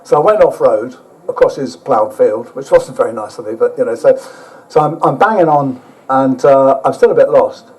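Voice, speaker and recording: A man's voice: mid-range voice, animated, moderate pace, a little mellow, poor audio. A man telling a rambling, self-mocking travel story to a live audience, with casual swearing. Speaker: speaker at an overland motorbike event.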